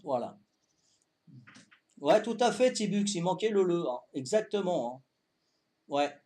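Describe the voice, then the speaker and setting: A man in his fifties with a Corsican accent, chatting calmly to his viewers during a live game stream, tagging his sentences with "hein" and repeating himself. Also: high voice. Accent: Corsican French. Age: 50s. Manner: calm, unhurried, talks to chat while playing.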